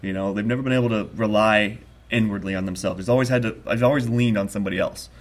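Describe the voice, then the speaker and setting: Rambling, excitable man in casual chat. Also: on the low side, fast talker. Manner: excitable, rambling storyteller with frequent laughs; loose, profane.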